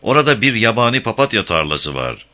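A spirited, tender young pioneer woman speaks in a lightly raised, feminine lilt, voiced by a male narrator. She sits in a storybook read aloud, her tone bright and sharp. Her delivery swings widely in pitch. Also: sing-song, fairly quick. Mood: eager.

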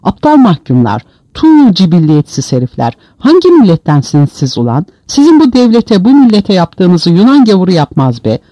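A man voicing a brutal male prison commander who shouts insults at inmates. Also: fairly high pitch, sing-song, brisk, few pauses, dry recording, lo-fi sound. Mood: furious.

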